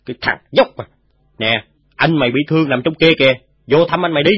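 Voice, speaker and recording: A man's voice: a little high, fast, husky, no room sound. Man doing a cheeky boastful village boy. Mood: chattery. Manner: stammering, chattery, giggly. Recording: dull, dry recording.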